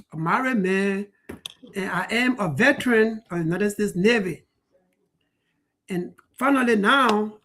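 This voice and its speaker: A man in his forties answering interview questions in an earnest, measured way. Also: sits high, a bit bright, a little hiss or hum. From Liberia. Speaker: guest financial educator.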